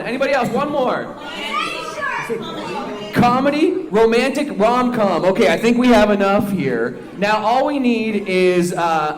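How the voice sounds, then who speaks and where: Animated man hosting improv comedy as a fussy director, lively high voice, roomy sound. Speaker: improv host playing film director. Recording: echoey room.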